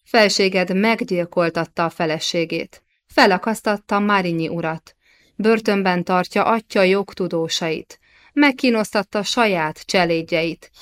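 Storybook figure: a devout medieval queen, read by a woman, grave and accusing, low-pitched. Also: lightly acted.

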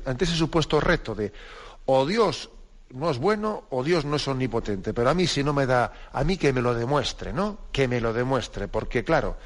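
A man, a priest teaching the catechism over the radio, speaks in an easy, conversational manner. His voice sits at an ordinary pitch for a man. He keeps turning to his listeners with little tag questions and hesitates on fillers as he thinks.

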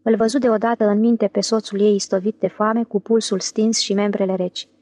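A woman reads a literary audiobook in an even, measured way. Her voice sits at an ordinary pitch, and the recording is dry and close with no room sound. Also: dry recording. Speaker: audiobook narrator. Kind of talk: scripted literary narration.

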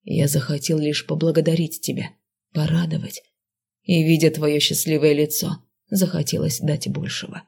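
A woman voicing a calm, brooding adult male dark mage teacher in an audiobook, speaking quiet and reproachful. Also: sits low, normal speed, gravelly, slightly rough, full character voice. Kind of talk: audiobook character voice.

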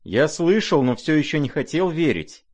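A man playing a gentle, troubled young nobleman who speaks quietly and pleadingly. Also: on the high side, sing-song, normal speed, highs cut off, pitched above the performer's own voice. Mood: pained.

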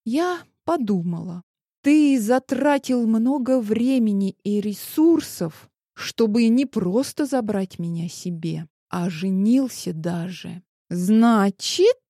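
Woman playing a stern hurt wife, cool strict tone, mellow voice, slow. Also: medium pitch, animated, dry recording, clean studio sound. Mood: wry. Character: stern, hurt wife holding back tears. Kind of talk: audiobook character voice.

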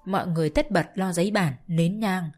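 A woman narrating a spoken story in a steady, measured way. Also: fairly low pitch. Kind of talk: audiobook storytelling.

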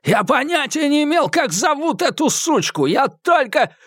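A shrill, breathless male thug, cornered and bleeding, his voice jumping high as he whines and begs, as a male reader puts him on. The sound is close and dry, with lively swings in pitch. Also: moderate pace, no room sound, heavily acted. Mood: pleading. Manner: shrill, pleading and screaming. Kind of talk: audiobook character voice.

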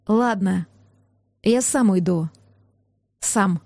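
A woman voicing a gruff, brooding man who speaks slowly and growls his clipped lines in anger. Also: mid-range voice, darkish tone, no echo, clean studio sound, pitched below the performer's own voice, exaggerated voice. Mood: furious.

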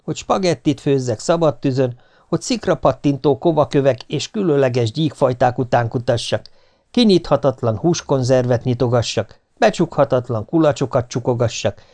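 A man's voice: medium pitch, a little mellow. Man narrating an audiobook, mock-solemn. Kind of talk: scripted narration.

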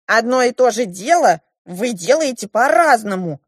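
A woman voicing a nosy, cheeky male dwarf servant in an audiobook, speaking in a pert, teasing, higher voice. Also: expressive, moderate pace, husky, no room sound, clean studio sound.

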